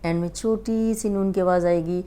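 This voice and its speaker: A woman with a Pakistani Urdu accent teaching tajweed in a slow lesson, patiently repeating and stretching each letter sound. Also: on the low side, steady tone, mellow, smooth. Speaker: Quran reading teacher.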